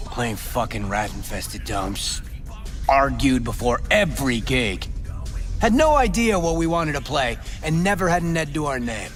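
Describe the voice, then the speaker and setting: Game role: gruff, theatrical, washed-up male rocker played by a man, big pitch swings, reverberant space, faint music. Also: expressive, measured pace, natural voice. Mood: wistful, scornful. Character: jaded, foul-mouthed aging male rock musician. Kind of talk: video game dialogue.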